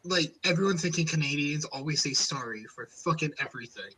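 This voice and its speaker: A man's voice: on the high side, fairly quick, pushed and bright, husky, rough recording. Crude, rambling man in podcast chat. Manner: rambling, crude, swears a lot. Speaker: podcast host. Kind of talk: casual chat.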